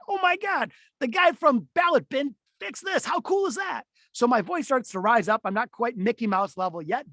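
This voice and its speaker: A middle-aged man with a fairly high voice teaches a webinar in an easygoing talk full of fillers and restarts. He lets his pitch climb and drop to demonstrate, and the recording sounds close and dry with no room around it. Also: no echo. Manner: animated, swings voice up and down to demonstrate; conversational with frequent fillers and restarts. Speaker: keynote speaker teaching a webinar.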